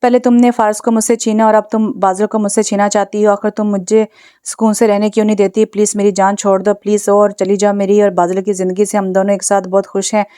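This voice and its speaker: A woman voicing a jealous, scheming young wife who pleads and spits spite in a steady, even reading. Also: medium pitch, fast talker, clear, resonant tone, no room sound, studio quality, natural voice. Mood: pleading.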